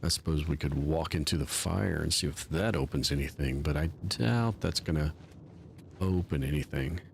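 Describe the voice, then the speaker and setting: Deep gravelly male game streamer. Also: normal speed, a little hiss or hum. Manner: rambling, self-mocking, talks to chat. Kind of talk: casual live-stream commentary.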